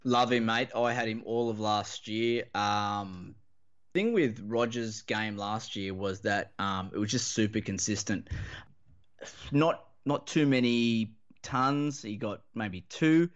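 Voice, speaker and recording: Laconic Australian bloke, slightly low voice. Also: male voice, slow, clean tone. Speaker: fantasy rugby league podcast panellist. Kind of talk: casual sports chat. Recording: dull, lo-fi audio.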